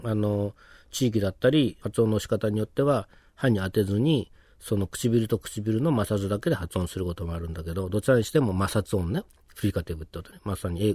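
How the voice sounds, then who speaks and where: A man's voice: fairly low pitch, darkish tone, no room sound, clean studio sound. A man teaching pronunciation in a casual lecture, explaining step by step with many fillers and tag questions.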